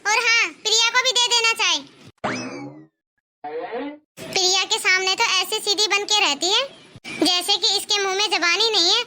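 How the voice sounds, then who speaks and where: A woman's voice: extremely high pitch, steady tone, normal speed, pauses often, a crowd in the background. A woman voicing a nagging village mother-in-law in a cartoon, scolding and taunting her daughter-in-law. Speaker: cartoon voice actor. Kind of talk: cartoon moral-story dialogue.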